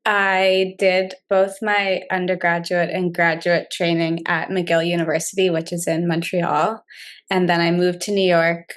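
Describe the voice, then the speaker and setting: A woman in her thirties, a clinical researcher, answering interview questions casually over a video call from a room at home. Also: fairly low pitch. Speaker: clinical trials manager, researcher. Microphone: video call webcam.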